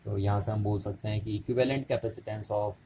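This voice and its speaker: Male physics teacher, lower pitch, patient repetitive board explanation, faint noise in the room. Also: fairly even intonation, moderate pace, mellow. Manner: repetitive, checking questions to students.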